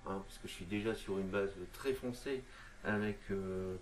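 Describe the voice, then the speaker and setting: Hesitant low-voiced man. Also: normal speed, a little hiss or hum. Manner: hesitant, lots of fillers and restarts, addresses viewer informally. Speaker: miniature painting tutor. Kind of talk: casual tutorial narration while painting.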